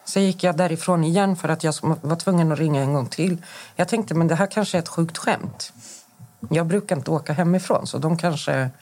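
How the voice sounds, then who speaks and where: A woman's voice: sits low, a little mellow. A woman in her forties from Sweden, a podcast guest giving a personal account in conversation. She recounts events in detail, acts out the dialogue she quotes, and often breaks off and restarts her sentences.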